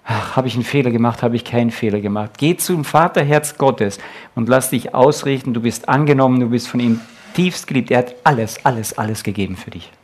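Earnest male preacher, emphatic sermon delivery that ends in a quiet prayer. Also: medium pitch, a little fast. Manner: earnest, emphatic, quoting God and Jesus in direct speech.

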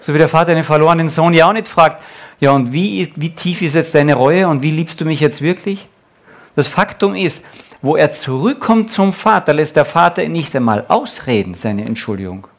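Eindringlicher Prediger, lebhaft betonend. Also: male voice, a little high, expressive, normal speed. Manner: earnest, emphatic, quoting God and Jesus in direct speech. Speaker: preacher. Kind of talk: sermon with closing prayer.

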